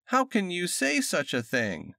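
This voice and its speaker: A man reading an audiobook, voicing a loud, piercing shopping bag lady who wails and clings. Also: medium pitch, sing-song, moderate pace, dry recording, studio quality. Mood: keening. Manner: wailing, overly familiar.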